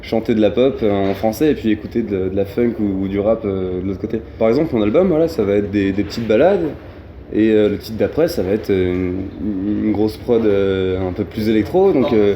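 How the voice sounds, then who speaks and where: A man from the Paris region with a Parisian French accent speaks in a soft, dark, fairly low voice. He talks like a singer in a relaxed interview, informally and with halting repetitions. A light noise sits behind him. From Paris region, France. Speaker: pop singer being interviewed. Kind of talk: casual interview chat.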